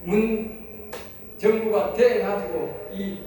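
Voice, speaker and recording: A man's voice: high-pitched, fairly even intonation, very slow, mellow, slight background noise. A man preaching a sermon as pastor, emphatic, repeating phrases and asking his hearers rhetorical questions. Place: church hall. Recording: echoey hall, voice heard from far off.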